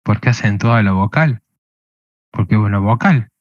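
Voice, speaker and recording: A man's voice: lowish voice, moderate pace, dry recording, lo-fi sound. A man teaching a programming lesson, explaining step by step and checking with a questioning "¿sí?" again and again. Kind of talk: screen-recorded coding lesson.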